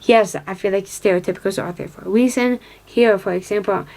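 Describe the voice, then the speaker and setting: Speaking to her viewers, a young woman from upstate New York in her twenties wanders through a casual vlog, piling up fillers and restarts. Her middle-pitched voice is brisk and a little mellow, and she keeps glancing down at her notes.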